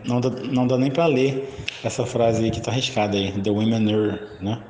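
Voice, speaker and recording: A man's voice: mid-range voice, flat delivery, moderate pace, darkish tone, a little hiss or hum. A man teaching a recorded grammar lesson, explaining step by step with frequent checking tags. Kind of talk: recorded English grammar lecture. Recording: echoey room with faint ambience.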